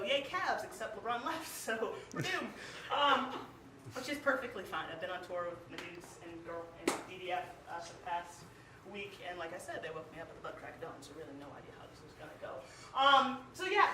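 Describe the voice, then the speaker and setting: This is a young woman from Cleveland, Ohio, at a small live music venue, performing spoken word in a mid-range voice. Her delivery is emphatic and emotional, peppered with "like." The sound is distant and roomy with an echo, and the background is noisy.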